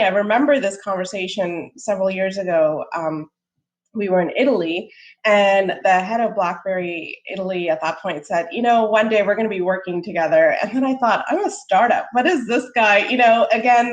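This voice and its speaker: A woman's voice: mid-range voice, moderate pace, dull audio. A middle-aged woman, born in Sri Lanka, speaking as a startup co-founder on a panel, friendly and full of ums, with light laughs. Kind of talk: casual panel talk.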